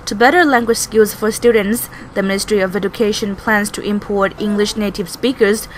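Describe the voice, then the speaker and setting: A woman's voice: medium pitch, fairly even intonation, fairly quick, rough recording. Thai-accented woman reporter over background noise. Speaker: news reporter. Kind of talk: scripted news narration.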